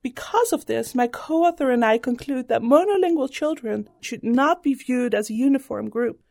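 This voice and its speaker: Woman prof reading a radio script, high voice, dry close sound. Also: vocal fry, mellow, no echo. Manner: measured, explanatory. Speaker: psychology professor.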